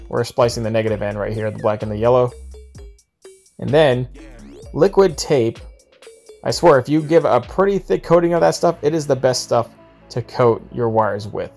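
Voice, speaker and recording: A man's voice: mid-range voice, darkish tone. A man, a father, hosting a boat-building channel, casually explaining each step of his work in a practical, easygoing way while recording on a wearable camera outdoors. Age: adult, father of a son. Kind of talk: casual how-to narration while working. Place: outdoor driveway workshop beside a boat.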